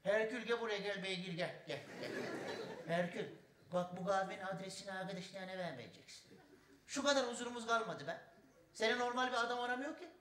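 A man's voice: high-pitched, fairly quick, a bit bright. A comedian playing a crude, rambling old village man with a rural North Aegean Turkish accent in a stand-up bit. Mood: scolding. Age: older. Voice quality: broad rustic drawl, scolding and bawdy. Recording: echoey stage recording, audience noise.

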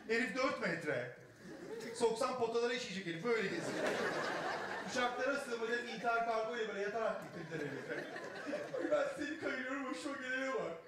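A man's voice: very high-pitched, fast talker, very echoey, distant mic, a crowd in the background. A man voicing an effeminate, flamboyant man who complains fussily and sighs "ay" a lot, in a live stage set. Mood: indignant. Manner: camp, whiny complaining with frequent "ay". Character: effeminate flamboyant man, fussy and easily irritated.

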